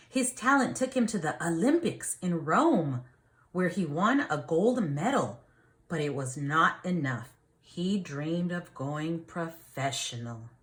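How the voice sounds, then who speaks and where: A woman teacher with a lowish, fairly bright voice reads a picture book to children. She teaches as she goes, pausing to ask questions and give easy explanations.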